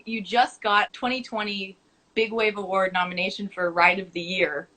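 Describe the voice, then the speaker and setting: A woman hosting a podcast, asking her guest open questions in a relaxed, conversational way. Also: mid-range voice, normal speed, low-quality recording. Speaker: podcast host. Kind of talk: casual interview.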